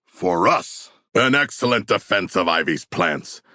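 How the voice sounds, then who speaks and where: An actor playing a hulking, proud and bloodthirsty shark warrior for a video game, speaking in polite, pompous, stilted formal sentences with a gravelly voice. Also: male voice, sits low, expressive, unhurried, bright, forceful tone, no room sound, clean studio sound, full character voice. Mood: polite, deadpan. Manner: formal, stilted, grandiloquent diction.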